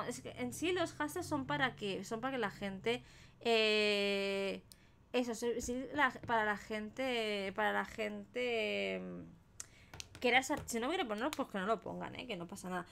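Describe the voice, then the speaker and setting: This young Spanish woman, speaking with a Spain Spanish accent, has a mid-range, slightly bright voice with vocal fry, and a little hiss or hum sits under the audio. She rambles through a story on her live stream while colouring, pausing to thank viewers by name.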